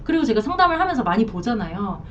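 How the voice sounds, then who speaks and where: A frank, emphatic woman counselor whose fairly high voice swings up and down as she makes her points. She sounds a little far from the mic. The recording is dull and lo-fi, with a faint rumble underneath. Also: big pitch swings, quick pace, a bit bright. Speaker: marriage counselor. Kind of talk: advice talk to camera.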